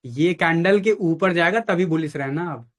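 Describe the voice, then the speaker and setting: A man's voice: on the high side, moderate pace. A man talking as a trading mentor with a caller, casual and blunt, dropping in phrases. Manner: blunt, advising, mixes in English phrases. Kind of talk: casual live chat with a caller.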